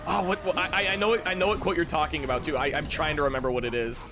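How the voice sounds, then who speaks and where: A man's voice: a little high, steady tone, very fast. A man streaming a video game with casual, joking, sweary chat. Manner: profane, joking.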